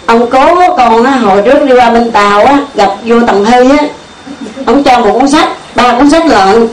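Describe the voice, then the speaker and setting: A woman's voice: on the high side, moderate pace. An older woman gives a folksy Buddhist teaching full of stories, often asking her listeners rhetorical questions and laughing. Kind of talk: Dharma talk with storytelling. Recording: echoey room, mic far off.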